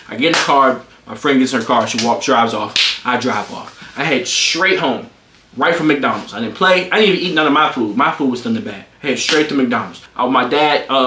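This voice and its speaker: A young man in his twenties tells a story in a casual, animated way. He swears freely, and his voice jumps high when he gets worked up. It's recorded in a room with a roomy echo. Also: a little hiss or hum. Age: 20s. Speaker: streamer.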